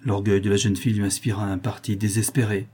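Dark, husky-voiced male narrator. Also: on the low side, flat delivery, fast talker. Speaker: audiobook reader. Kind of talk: literary narration.

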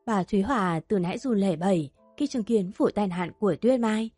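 A woman narrating a dramatic family story in an emotive, steady storytelling voice. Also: mid-range voice, fairly quick, dry recording, faint music behind.

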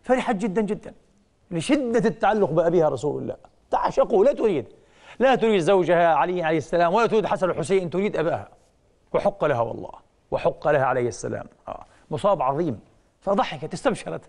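Male preacher, quick delivery, slightly high voice, dramatic rises and whispers, rhetorical questions. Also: lively intonation. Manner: emotive storytelling with sudden rises and hushed drops; rhetorical questions he answers himself. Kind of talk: religious lecture.

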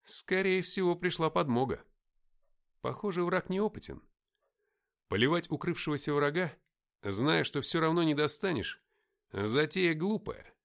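Lively male audiobook narrator. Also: fairly high pitch, a little slow, vocal fry, pauses often. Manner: lively, expressive reading with loud acted dialogue. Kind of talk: first-person audiobook reading.

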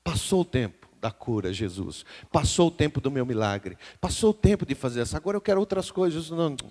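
A man's voice: a little high, animated, a little fast. A man with a Brazilian Portuguese accent, preaching a live sermon as pastor and calling out to the congregation. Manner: emphatic preaching that swings between hushed and loud, calling out to the congregation.

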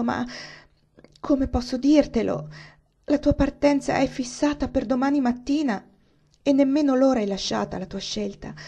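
A woman's voice: fairly high pitch, mellow, highs cut off, voice pushed up. A woman voicing a distressed young noblewoman who hesitantly and apologetically brings bad news, in an audiobook reading. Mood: anguished.

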